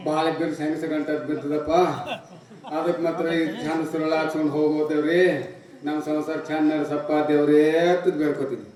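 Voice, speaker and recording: An actor playing a teasing, bawdy newly married village husband in a live stage play, with a North Karnataka Kannada accent. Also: male voice, on the high side, flat delivery, a little fast, crowd noise, lightly acted. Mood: joking. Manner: teasing, bawdy comic banter. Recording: echoey stage from far off. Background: instrumental music.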